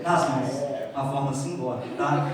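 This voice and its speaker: Animated camp preacher, mid pitch, storytelling and bossing volunteers around, super echoey big hall. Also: brisk, far from the mic. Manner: animated, talks to the crowd and gives playful stage directions. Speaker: preacher leading a camp skit. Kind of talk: lively sermon storytelling with volunteers acting it out. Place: large echoing hall at a church camp.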